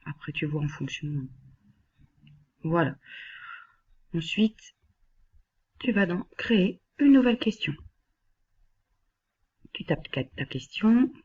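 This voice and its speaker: Woman, husky, soft-spoken, patient walkthrough, screen-recorded tutorial, lo-fi mic. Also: fairly low pitch, big pitch swings, slow pace, pauses often. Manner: patient, step-by-step, addressing the listener directly. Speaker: instructor.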